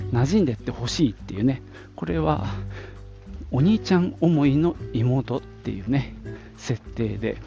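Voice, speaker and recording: A man's voice: medium pitch, vocal fry, dark tone. A man in his late fifties hosting a casual audio diary podcast, chatting and rambling with many fillers while he walks outdoors to work, slightly out of breath. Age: 50s. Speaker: podcast host. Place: outdoors on a street, walking to work. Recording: dull lo-fi outdoor recording with wind noise.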